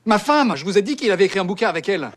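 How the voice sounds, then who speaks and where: A man's voice: on the high side, very animated, fast, slightly rough. An actor playing an exasperated, impatient middle-aged man in a film comedy. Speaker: film character.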